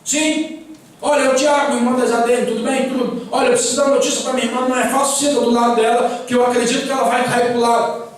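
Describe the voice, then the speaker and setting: A man's voice: very high-pitched, little pitch movement, quick pace. A man gives a sermon testimony in a church, telling his story dramatically and acting out the dialogue. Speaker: preacher giving testimony. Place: church hall. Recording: very echoey hall, voice far from mic.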